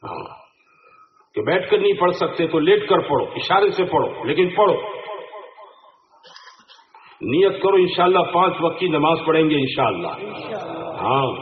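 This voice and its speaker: High-voiced male preacher, tinny and echoey. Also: sing-song, normal speed, long pauses. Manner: asks the crowd rhetorical questions. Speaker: Islamic preacher. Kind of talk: sermon to a gathering. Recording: tinny phone-like sound in an echoey room.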